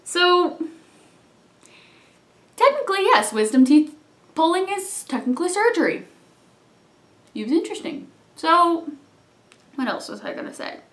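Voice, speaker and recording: Sitting on a couch in a small living room, a young adult vlogger tells a rambling personal story, captured by a camera on a tripod a few feet away in an echoey room. The voice is extremely high and very animated, yet the pace is measured, with frequent pauses and chatty asides that drop into mumbles.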